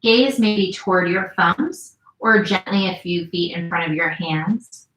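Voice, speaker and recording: A young woman teaching a yin yoga class from home, giving slow, soothing instructions with gentle pauses. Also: on the low side. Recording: roomy echo.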